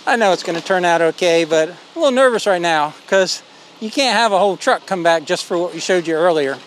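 A man's voice: high-pitched, lively intonation, quick pace, a little hiss or hum. A middle-aged man, talking casually to a phone held at arm's length outdoors while explaining a concrete pour. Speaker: homestead vlogger. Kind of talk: casual walk-and-talk narration. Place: outdoors on a rural building site.

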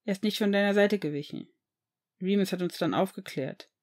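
Brief: a warm, easygoing young man, friendly and reassuring, read by a woman in her own voice, audiobook reading. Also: mid-range voice, fairly quick, close to an everyday voice. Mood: earnest. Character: young man, warm cheerful shop owner.

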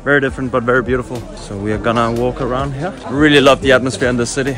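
Speaking very fast with a medium pitch and fairly even intonation, a travel vlogger in his thirties talks to camera while walking through a busy outdoor market. He's chatty and upbeat, saying hello to people along the way, with an action camera held at arm's length. Music plays underneath as a background bed.

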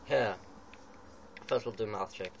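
A young gamer jokes and teases a friend while they make a game character together at home. His lowish, creaky voice keeps a measured pace through the casual banter, and the home video carries faint background noise.

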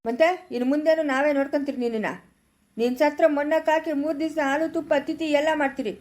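A woman's voice: sits high, steady tone, fast, darkish tone, natural voice. A woman playing a stern, dismissive male village healer, speaking blunt in an amateur village drama. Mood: scolding. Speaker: village pandit in a home-made drama.

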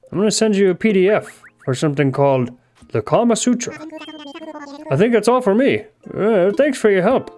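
A scheming raccoon shopkeeper, voiced by a man speaks in a raised, mock-polite tone. He sounds smooth and sly, like a landlord in a game. Faint music plays behind him. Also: high-pitched, a little mellow.

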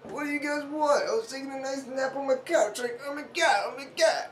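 A woman's voice: high-pitched, brisk, natural voice. A woman playing a cranky, ditzy portrait photographer who whines and keeps exclaiming in exasperation, in a comedy sketch. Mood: exasperated. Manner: whiny, keeps exclaiming "oh my God". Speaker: sketch actor. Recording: roomy, distant mic, music behind.

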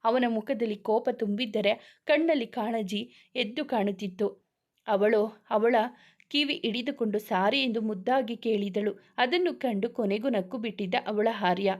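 A woman narrating a romantic storybook in a steady, expressive reading style. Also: a little high, normal speed.

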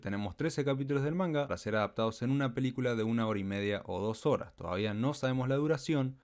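A man narrating a scripted anime news commentary as a channel host, with a steady explanatory delivery. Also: medium pitch.

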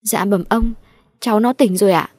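A woman's voice: medium pitch, normal speed, dark tone, no echo, natural voice. A woman voicing a worried peasant mother who speaks humbly and pleads for her frightened son. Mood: pleading, anxious.

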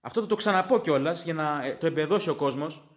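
A native English-speaking man hosts a podcast, reading fan comments aloud in a fairly high-pitched voice. His tone is sarcastic and opinionated.

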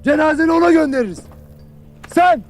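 An actor playing a stern army captain who berates his soldiers with harsh scolding and sudden shouts. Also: extremely high pitch, lively intonation, a little fast. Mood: berating. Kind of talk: film drama acting.

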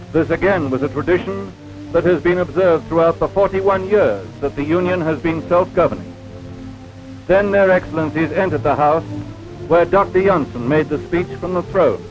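Man narrating an old 1950s newsreel. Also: fairly high pitch. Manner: formal, measured commentary. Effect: old 1950s newsreel recording. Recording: dull lo-fi newsreel sound with music. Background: music.

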